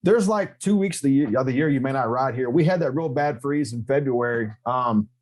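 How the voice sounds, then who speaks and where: A man guesting on a motorcycle podcast, talking in a loose, easygoing way. He tells his stories animatedly, jokes often, and his voice jumps up in pitch when he stresses a point. His voice sits at an ordinary middle pitch for a man. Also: fairly quick. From Texas. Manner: animated, joking storyteller with emphatic pitch jumps. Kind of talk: casual interview chat.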